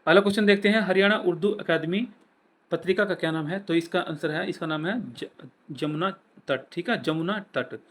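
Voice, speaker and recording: Haryanvi man tutoring, slightly high voice. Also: fairly even intonation, brisk, a bit bright. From Haryana, India. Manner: repeats each answer, filler "ठीक है" after each point. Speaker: exam-prep tutor. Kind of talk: quiz-style exam revision lesson.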